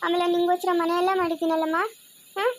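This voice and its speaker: A woman's voice: very high-pitched, little pitch movement, fast talker. A woman playing a loving young mother who coaxes her child with pet names, in an amateur family drama. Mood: soothing. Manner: coaxing, affectionate, repeats pet names.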